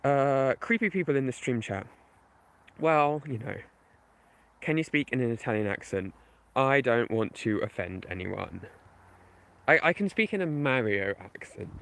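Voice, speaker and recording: A video game history YouTuber livestreams while walking outdoors at night, chatting casually with viewers. His mid-range voice has a fairly bright tone, and he rambles and jokes at his own expense, full of fillers.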